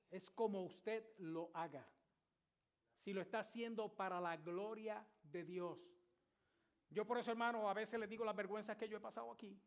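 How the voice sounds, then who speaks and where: A pastor in his sixties preaches with animated storytelling and sudden emphatic outbursts. His voice sits high and rings bright. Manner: storytelling, emphatic, shouts at climaxes. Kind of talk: sermon.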